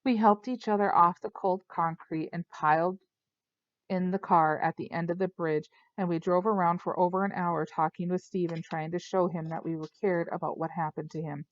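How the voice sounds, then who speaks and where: Low-voiced woman reading an audiobook. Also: normal speed, no echo. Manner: steady, storytelling. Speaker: audiobook narrator. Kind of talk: first-person audiobook narration. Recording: dull lo-fi dry recording.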